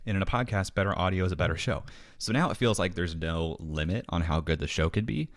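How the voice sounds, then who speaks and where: A man's voice: low-pitched, fast, no echo, clean studio sound. A man from the American Midwest, a podcast guest, chatting casually and animatedly, acting out little quoted dialogues. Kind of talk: casual interview chat. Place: home basement studio.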